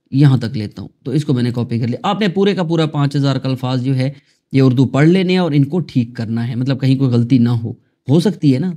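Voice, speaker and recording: A man from Pakistan hosting a screen-recorded software tutorial, talking chattily to his viewers. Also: medium pitch. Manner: chatty, addresses viewers as "janab" and "dosto". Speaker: tutorial host.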